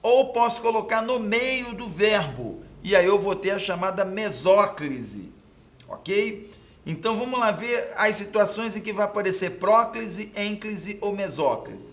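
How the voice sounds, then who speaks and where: A high-voiced man from Brazil walking through exam questions as a Portuguese teacher. He explains each answer patiently, points things out on the board and keeps checking in with his students. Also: animated, unhurried, fairly bright tone. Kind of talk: exam question walkthrough lesson.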